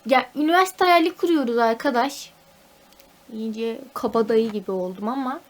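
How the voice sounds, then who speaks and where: A woman's voice: a little high, moderate pace. A young woman, a university student, venting at home in a casual vlog, talkative and mock-dramatic. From Turkey. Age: young adult.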